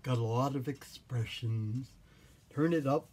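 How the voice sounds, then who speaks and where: Silly clown, husky voice, slow delivery, whimsical, theatrical, informal demonstration, repeats phrases. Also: medium pitch, a little mellow. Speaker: clown teaching wig and costume styling.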